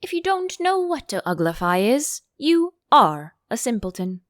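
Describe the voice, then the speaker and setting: A woman voicing a blunt, excitable male gryphon in a storybook, emphatic and scoffing. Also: high-pitched, unhurried, no room sound, studio quality, pitched above the performer's own voice. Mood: scornful. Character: brusque, scornful, excitable male Gryphon beast. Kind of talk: audiobook character voice.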